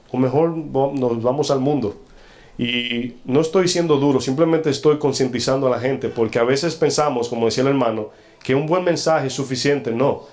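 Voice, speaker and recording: Male pastor preaching hard, stern and confrontational, keeps asking the crowd questions, medium pitch. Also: darkish tone. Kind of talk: sermon.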